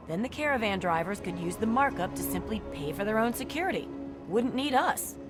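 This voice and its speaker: An actress playing a wry, skeptical caravan guard who explains things drily in a video game. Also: female voice, lowish voice. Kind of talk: video game character dialogue. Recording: music behind the voice.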